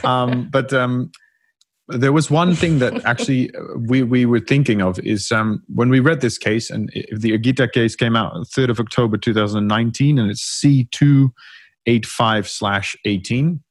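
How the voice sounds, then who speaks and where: A man in his thirties co-hosting a podcast, explaining a case in a lively, self-mocking way with frequent restarts. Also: mid-range voice, normal speed, dry recording. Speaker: podcast co-host. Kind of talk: casual expert discussion.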